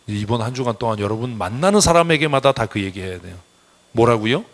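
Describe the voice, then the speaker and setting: In a church sanctuary, a male pastor delivers a Sunday sermon in a fast, expressive, mid-range voice. He is blunt and scolding, calling on the congregation to answer "amen."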